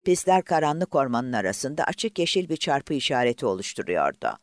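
A man's voice: mid-range voice, sing-song, fairly quick, no room sound, studio quality. A man narrating an audiobook expressively and voicing the characters himself.

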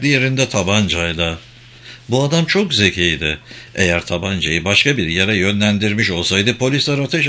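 Bright-voiced male audiobook narrator. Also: mid-range voice. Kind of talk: first-person audiobook narration.

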